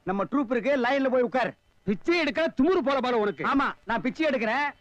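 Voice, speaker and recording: A man acting in a film comedy scene, scolding and mocking others in quick banter. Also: very high voice, animated, a bit bright, no echo, dull audio. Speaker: comic actor in a film scene.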